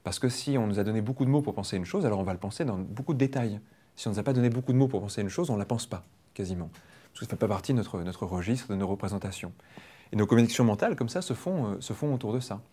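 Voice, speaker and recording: A man leading a public hypnosis demonstration, explaining quickly and playfully to a live audience. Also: medium pitch, mellow. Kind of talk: lively teaching talk to a live audience. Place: training room with an audience.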